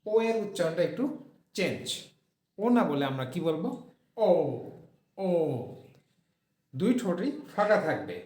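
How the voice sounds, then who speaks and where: A man's voice: on the high side, big pitch swings, a little fast, darkish tone, echoey room. A man teaching letter sounds in a spoken lesson, repeating each sound several times for learners to copy. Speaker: English pronunciation teacher.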